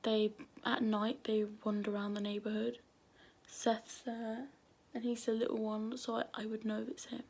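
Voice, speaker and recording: A woman's voice: a little high, level tone, moderate pace, creaky, a little mellow. A woman telling a true crime story at home late at night, nervous and often dropping to a whisper. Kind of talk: casual true crime narration.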